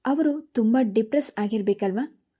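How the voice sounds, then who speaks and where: A woman doing a joking young man, dramatic, overstated, very mellow voice, storybook. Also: a little high, moderate pace, breathy edge. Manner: dramatic, exaggerating.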